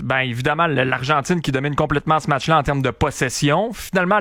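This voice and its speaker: A man's voice: medium pitch, a bit bright, no room sound, clean studio sound. A man with a Québécois accent hosting a sports show, recapping matches in a conversational way.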